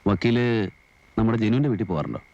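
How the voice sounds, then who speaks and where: An actor playing a withdrawn, gentle man who speaks quietly, in a film scene. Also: lowish voice, expressive, quick pace, gravelly, dull audio. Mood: subdued. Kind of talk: 1980s film acting.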